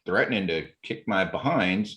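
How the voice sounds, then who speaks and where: A man telling stories in a relaxed podcast chat, acting out quoted exchanges with bursts of energy. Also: sits low, normal speed. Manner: animated retelling, acts out quotes, occasional laughs. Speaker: podcast guest. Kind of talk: casual storytelling.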